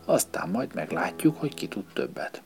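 A man voicing a calm, fatherly mole in a storybook reading, hemming and thoughtful. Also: on the low side.

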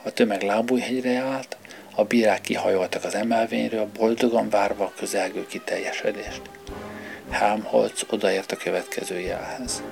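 A man narrating a story as an audiobook reader, in a measured storytelling manner, with music underneath. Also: lowish voice, fairly even intonation, creaky, darkish tone. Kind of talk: scripted narration.

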